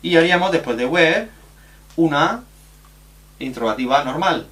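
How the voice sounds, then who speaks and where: A man from teaching a recorded grammar lesson, explaining rules slowly and spelling out letters and examples. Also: on the high side, animated, a bit bright.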